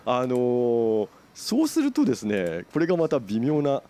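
A man's voice: mid-range voice, huge pitch swings, normal speed, mellow. A man hosting a casual book club podcast, calling on each member in turn and tallying votes. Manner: chairs the meeting, calls on each member in turn. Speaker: host.

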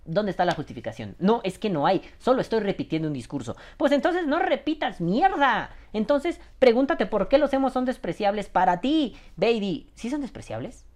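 A man's voice: high-pitched, fairly quick, few pauses. A man in his thirties with a Mexican accent, a show host ranting casually and profanely, often imitating other people. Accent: Mexican Spanish. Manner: profane, animated, mimics other people's voices. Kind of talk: casual rant monologue.

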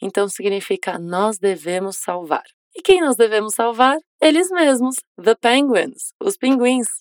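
Female English teacher, patient explainer who slows down to model phrases, close dry voice. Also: a little high, expressive, no echo. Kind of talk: language lesson narration.

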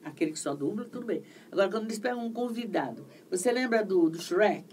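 A middle-aged woman with a Brazilian accent, a voice actress chatting in an interview, telling stories in an animated way and repeating herself for emphasis. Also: mid-range voice, quick pace. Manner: animated, repetitive storytelling. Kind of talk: casual interview chat. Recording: distant mic, faint background noise.

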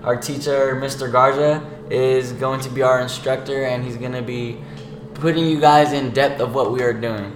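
A man's voice: mid-range voice, steady tone, moderate pace. 17 yr old guy chatting on a student podcast, slangy, echoey room, bit of background noise. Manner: informal, slangy explaining. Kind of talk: casual chat.

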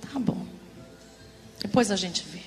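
A woman pastor preaching a sermon in an animated, theatrical way, acting out everyday examples. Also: mid-range voice, slow. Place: church service. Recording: long church reverb, music behind.

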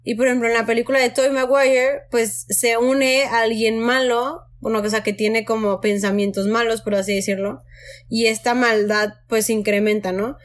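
Chatty woman with a higher voice. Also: flat delivery, moderate pace. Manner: chatty, laughs easily, hesitant restarts. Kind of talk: casual chat.

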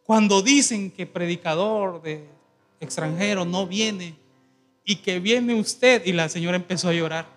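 A man's voice: high-pitched, unhurried, faint music behind. A man pastor, telling a story in a sermon and acting out the voices in it, laughing as he goes. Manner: animated, acts out quoted voices, laughs while telling.

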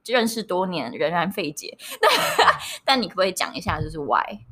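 A woman hosting a podcast, interviewing casually in a teasing, animated way. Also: lowish voice, moderate pace.

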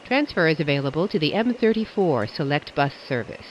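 A woman's voice: low-pitched, expressive, brisk, slight background noise. A woman calling out subway stops in a formal, automated announcement, with the words spliced together from separate recordings. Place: subway train carriage. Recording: lo-fi train speaker.

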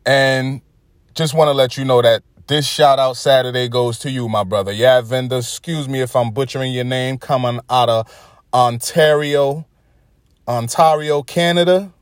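A man with a Brooklyn, New York accent talks casually to his listeners in a relaxed monologue. His voice sits at an ordinary middle pitch. The sound is dry and close, with no room around it. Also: moderate pace, no room sound. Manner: laid-back, conversational, chuckling asides. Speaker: podcast host.

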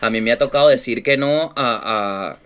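A man with a smooth, medium-pitched voice and a Venezuelan accent spins a story at normal speed during a relaxed chat. He piles on street slang, restarts his sentences, and mimics the characters in the tale.

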